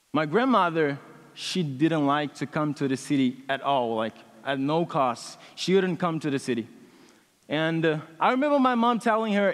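Through a headset microphone in a large church hall, a young Brazilian man in his twenties, a native Portuguese speaker, gives his personal testimony to the congregation. The student's pitch is fairly high, and he speaks earnestly but haltingly, leaning on lots of fillers.

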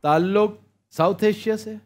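Dry older host, fairly high voice. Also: male voice, fairly even intonation, measured pace, darkish tone, faint music behind. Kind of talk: casual chat on a quiz panel. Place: TV studio set.

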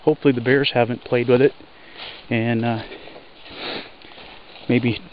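A man talking plainly to a body-worn action camera while hiking through woods to a creek, breathing hard on the rough ground. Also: mid-range voice, level tone. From Alaska. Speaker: homesteader vlogger. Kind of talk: casual walking narration. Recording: dull lo-fi camera audio, loud creek noise. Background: rushing creek water.

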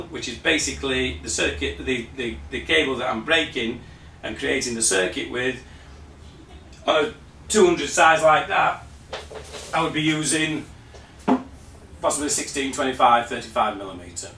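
A man walks through a technical demonstration. His voice is slightly worn and bright-edged, and he fills his pauses with "um" as he goes. He sounds a few steps from the mic in a roomy space. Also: medium pitch, creaky, a little hiss or hum. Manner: hesitant, many fillers and restarts, explaining patiently. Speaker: presenter of a parts store video. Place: shop or workshop room. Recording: roomy sound from a distant camera.

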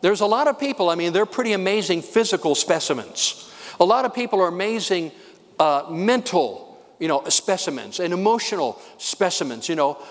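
An older man, a pastor, preaching a sermon with fast, excited emphasis. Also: high voice, long reverb tail.

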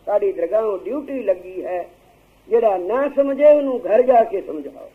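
A man's voice: high-pitched, animated, normal speed. A man, preaching and telling a moral story as a Sikh preacher, acting out the voices of the people in it. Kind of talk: storytelling religious discourse. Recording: tinny phone-like lo-fi recording.

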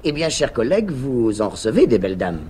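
A man voicing a young woman who is teasing and scheming, raising his voice to an arch, higher register in a live radio reading of a play. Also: sing-song, a little fast, warm tone, slight background noise, lightly acted.

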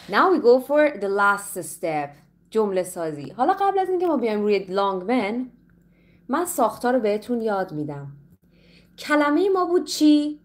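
A Persian-speaking woman teaching English in a playful, lively way, slowing down carefully whenever she speaks English. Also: medium pitch. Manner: switches between Persian and slow, carefully spoken English. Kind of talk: live online English lesson.

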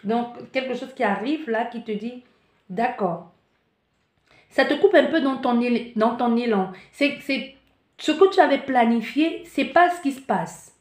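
A woman's voice: on the high side, unhurried. A woman giving spiritual guidance from a card reading, talking with animation and often restarting or searching for words. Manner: animated, acts out the listener's panic in asides. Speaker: tarot card reader. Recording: echoey room.

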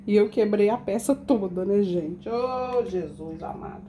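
At a measured pace and medium pitch, a woman talks over a noisy background while decorating a cake in her home kitchen. It's a casual baking tutorial: she chats with viewers, addresses them as "gente," and explains every step.

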